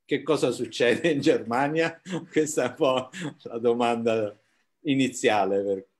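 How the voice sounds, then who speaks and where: A man's voice: mid-range voice, measured pace. A man hosting an informal live interview, with hesitant, roundabout phrasing. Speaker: interview host.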